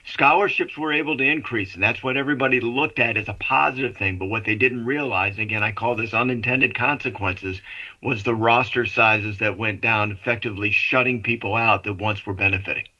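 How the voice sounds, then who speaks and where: A man's voice: on the low side, a little fast, pushed and bright. A man giving sports commentary in a chatty, explanatory way on a radio talk show, his voice muffled as if it comes through a wall. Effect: muffled, as if heard through a wall. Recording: muffled remote line.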